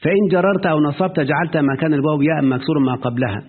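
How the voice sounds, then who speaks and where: On a tinny, phone-like lo-fi line, a man with a fairly high, breathy-edged voice and an Egyptian Arabic accent leads a grammar lesson. He quizzes his student often during the explanation and lingers over quoted words.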